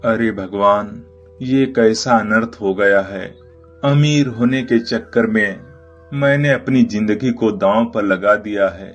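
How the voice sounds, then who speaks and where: A man's voice: fairly high pitch, takes it slowly, soft background music. A man voicing a poor, greedy and timid village farmer in a Hindi cartoon, full of rustic exclamations. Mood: pleading. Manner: fearful, pleading, rustic exclamations.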